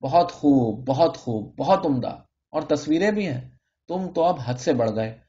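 A man's voice: fairly high pitch, expressive, dark tone, lightly acted. A man reading as a pompous ranting pharmacist. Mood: furious. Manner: scolding, self-righteous tirade. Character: pompous ranting middle-aged male pharmacist. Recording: dull lo-fi audio.

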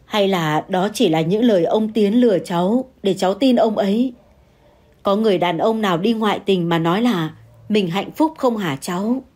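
A woman playing a composed older wife who answers calmly and firmly. Her tone stays steady and measured as she scolds and reasons. It is heard in a spoken audio story. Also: mid-range voice, natural voice. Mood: calm retort. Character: older wife, calm and firm.

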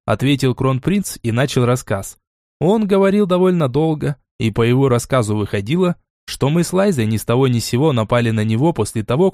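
A man narrates a first-person novel in a calm, even manner. His voice sits in a middle register. The recording is dry and close. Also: mid-range voice, dry recording. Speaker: audiobook narrator.

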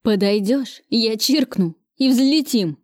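A panicky young man with a trembling, cracking voice, pitched high and strained, as a woman reader puts him on. He yells threats but sounds scared out of his wits, in a dry, close audiobook recording. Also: takes it slowly, no room sound. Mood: panicked. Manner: shrill, shaky, breaking voice. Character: frightened young male arsonist, jittery.

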